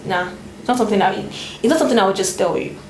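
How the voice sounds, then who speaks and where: Casting: young woman co-host, animated, echoey room. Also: rapid-fire, vocal fry, slight background noise. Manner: animated, rises in pitch when making a point. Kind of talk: casual panel chat.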